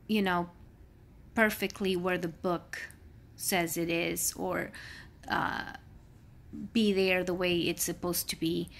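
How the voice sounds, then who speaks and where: This vlogger, a woman in her thirties employed in healthcare, has a medium-pitched and fairly bright voice. She talks openly and meanders, with frequent fillers.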